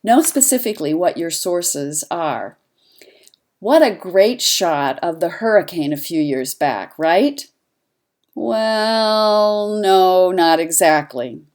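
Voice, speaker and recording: A woman with a slightly low voice talks through an online lesson like an instructor guiding students. She speaks clearly and conversationally, and her pitch jumps up for emphasis on key points. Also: very animated, measured pace, a little mellow. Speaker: journalism instructor. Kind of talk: instructional voice-over narration.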